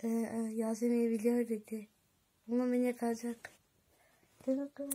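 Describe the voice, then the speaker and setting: A woman vlogging casually to her viewers, chatty and excitable, giggling often. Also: fairly high pitch, moderate pace, slightly rough. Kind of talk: casual vlog chat to viewers.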